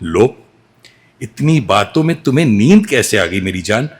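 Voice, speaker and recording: A man's voice: on the low side, big pitch swings, breathy edge. A man playing a devoted, anxious young mother. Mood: weary reflective. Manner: emotional, tender monologue that shifts to pleading. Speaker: solo stage actor. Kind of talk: solo stage monologue. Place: restaurant event hall in Doha, live performance.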